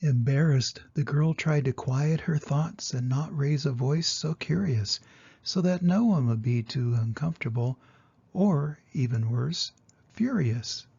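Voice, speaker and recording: A grandfather with a husky, gravelly voice reads a children's storybook aloud, gently explaining it to young listeners. His voice sits in the mid-range and moves at a measured pace, and the audio sounds dull.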